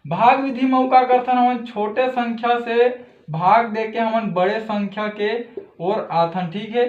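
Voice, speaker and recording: A man with a Chhattisgarhi accent teaching a school math lesson, patient and steady, checking in often with short asides to his students. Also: high-pitched. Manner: patient, repeats "theek hai" often. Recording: echoey room, dull lo-fi sound.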